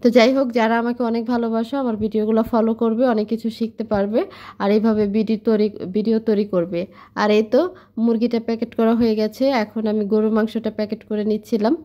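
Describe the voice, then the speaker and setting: A woman's voice: a little high, level tone, quick pace, warm tone. A woman narrating a casual home vlog from her kitchen, chatting directly to her viewers. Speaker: vlogger.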